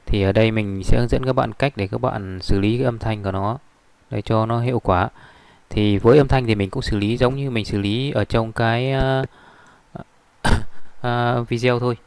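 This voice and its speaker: A man giving a screen-recorded software tutorial, rambling with many fillers and restarts. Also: medium pitch, fairly even intonation, moderate pace, vocal fry, smooth, no echo.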